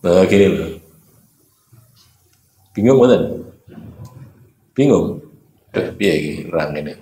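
A man's voice: low-pitched, animated, slow, warm tone, roomy sound. A man with a Javanese accent teaching Quran reading at a religious study, explaining patiently and chanting letters aloud. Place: mosque.

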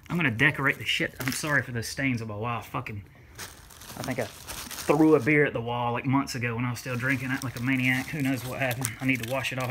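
A man casually chatting as he unboxes a gift at home, rambling and swearing freely, often breaking into excitement. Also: mid-range voice, noisy background. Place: home room.

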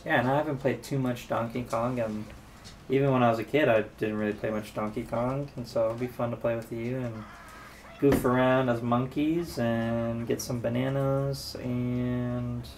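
A man co-hosting a let's play, speaking in an easygoing, hesitant way with halting phrases, at home. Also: medium pitch, steady tone, a little mellow, a little hiss or hum. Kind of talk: casual gameplay chat. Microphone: desk microphone. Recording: voice set back from mic. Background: game music.

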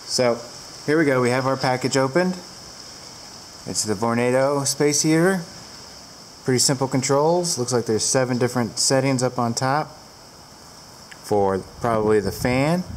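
A woman's voice: a bass voice, moderate pace. A woman giving a casual, rambling product review with fillers, filmed on a handheld camera inside a large barn with the door open to the wind.

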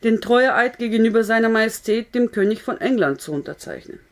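A woman's voice: mid-range voice, normal speed, natural voice. A woman reading as a stern army captain. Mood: firm. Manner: firm and loud, careful to sound neutral.

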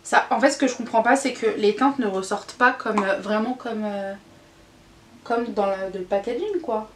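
A woman's voice: on the high side, normal speed. Woman, beauty vlogger, casual candid chat, frequent fillers, echoey room, faint background hiss. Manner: chatty and candid, with frequent fillers and groaning exclamations. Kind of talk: casual makeup review chat.

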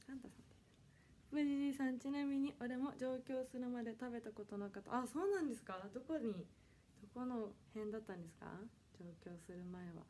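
With a fairly high, warm voice and a slightly fast pace, a twenty-year-old woman from Kanagawa chats on her solo livestream at home. Slight background noise can be heard. As an idol audition livestreamer, she politely reads viewer comments aloud and apologizes often.

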